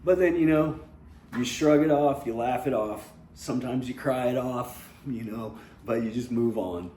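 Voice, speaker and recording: A man's voice: medium pitch, normal speed, warm tone. A young man leading a seated workout, talking in a casual, candid way and often saying "you know". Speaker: seated fitness instructor. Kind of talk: guided workout instruction. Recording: roomy with faint noise.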